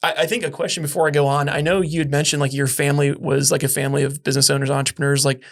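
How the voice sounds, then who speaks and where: A man's voice: fairly high pitch, flat delivery, racing, vocal fry. A man hosting a podcast, asking questions in a joking, rambling way. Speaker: podcast host. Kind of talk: casual interview conversation.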